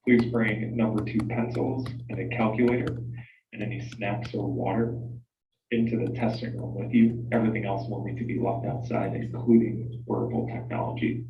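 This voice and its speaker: A man's voice: fairly low pitch, fairly even intonation, normal speed, noisy background. A man from the school staff making announcements over the school intercom in a plain, informative way. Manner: plain, informative, with occasional fillers. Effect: school intercom loudspeaker. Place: classroom. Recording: roomy, muffled loudspeaker heard from far off.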